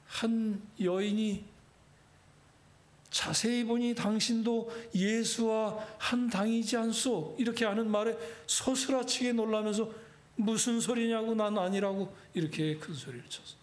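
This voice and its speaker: Male pastor, middle-aged, high-pitched, dramatic sermon storytelling. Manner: dramatic storytelling, acting out biblical dialogue.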